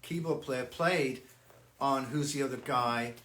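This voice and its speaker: An older male musician with a medium-pitched, fairly bright voice chats casually during a livestream for his fans. He keeps halting, restarting sentences and repeating words, and the room sounds echoey with faint ambient noise.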